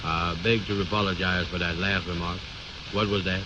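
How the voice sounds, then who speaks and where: A man's voice: low voice, steady tone, normal speed, lightly acted. An actor playing a bossy, self-important man who blusters in folksy ungrammatical speech, in old radio comedy style. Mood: pompous. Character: pompous, bossy, know-it-all man bluffing his friend. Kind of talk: 1930s-40s radio comedy acting. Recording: muffled, noisy old radio recording.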